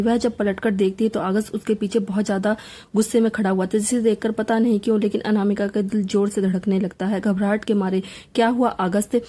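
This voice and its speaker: A woman narrating a romance novel aloud in a dramatic, expressive reading. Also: mid-range voice.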